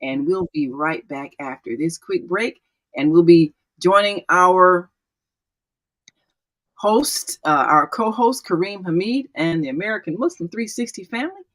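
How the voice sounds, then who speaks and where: A woman's voice: lowish voice, lively intonation. A woman hosting a radio talk show, speaking emphatically and affirming what her guests say. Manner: emphatic, affirming, quickens at breaks. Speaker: radio host.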